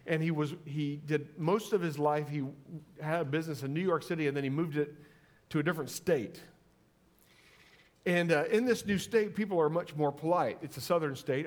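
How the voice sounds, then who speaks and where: A male pastor preaching a sermon in a conversational way, often restarting his sentences and acting out the quoted voices. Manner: acts out quoted voices with lively pitch swings.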